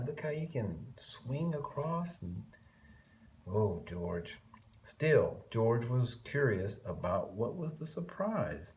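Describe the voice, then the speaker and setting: With a voice on the low side, a man gives an expressive picture-book reading for young children, stretching important words and adding murmured, conversational comments. There is a little hiss or hum in the recording.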